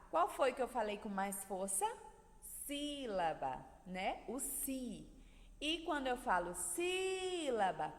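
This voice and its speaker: A Brazilian woman teaching young children, her fairly high voice rising and falling a great deal. She stretches out syllables and leans hard on the stressed ones. The long reverb of an echoey room trails after her words. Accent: Brazilian Portuguese. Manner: drawn-out syllables, sing-song stress on words. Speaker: primary school teacher. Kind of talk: recorded video lesson for children.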